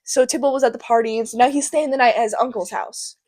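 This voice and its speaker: A woman's voice: on the high side, quick pace, a little mellow. A teenage girl narrating a school drama project, chatty and giggly with lots of fillers. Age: teens. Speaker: student narrator.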